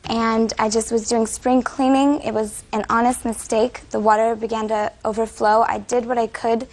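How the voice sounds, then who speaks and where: High, creaky, monotone young woman. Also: normal speed. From California. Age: young adult. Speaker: defendant. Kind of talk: courtroom testimony.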